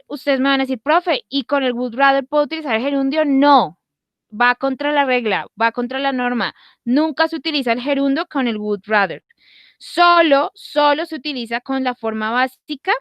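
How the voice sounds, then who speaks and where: Female online English teacher, fairly high voice, dry sound, keeps checking in with students, slows down for examples. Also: dry recording, muffled recording. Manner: checks in often with short questions, slows down to read example sentences. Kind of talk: online grammar lesson.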